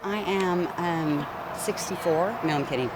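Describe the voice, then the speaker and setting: A woman's voice: fairly low pitch, measured pace, heavy background noise. A woman in her fifties, joking about her age in an interview, then speaking earnestly. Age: 50s.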